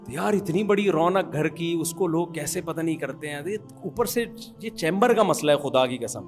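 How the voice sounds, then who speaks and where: A middle-aged man gives a sermon as an Islamic preacher, his voice sitting high. He tells a family story animatedly, often laughing along, while soft music plays faintly underneath. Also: lively intonation, normal speed. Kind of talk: humorous sermon anecdote.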